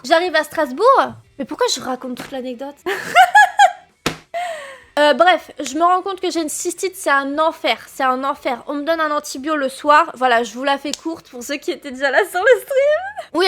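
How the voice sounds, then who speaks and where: A young woman streamer telling a long mishap story to her chat, excitable, swearing and laughing as she goes. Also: high voice, a little fast.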